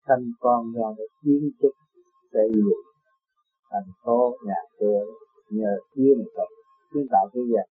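A man giving a measured, didactic spiritual teaching. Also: mid-range voice, slightly rough. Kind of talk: religious teaching. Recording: phone-like sound, faint music.

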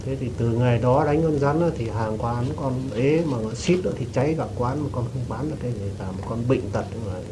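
A man respectfully telling his teacher a story he witnessed, in a hesitant, halting way, with frequent restarts and throat-clearing. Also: mid-range voice. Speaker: devotee giving testimony. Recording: noisy recording with rain behind.

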